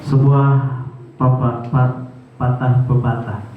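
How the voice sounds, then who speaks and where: A man hosting a church program in an earnest, measured way, pressing hard on key words. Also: mid-range voice, little pitch movement, a little hiss or hum. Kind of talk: sermon-style exhortation. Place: church sanctuary. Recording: echoey church hall from far off, muffled.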